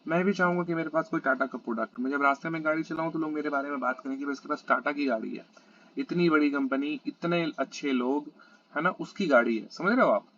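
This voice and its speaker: A male commerce tutor with an Indian accent gives an exam-prep lecture. He reads English lines slowly, then explains them quickly in conversational Hindi, checking in often with "है ना?". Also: fairly high pitch, a bit bright, dull audio.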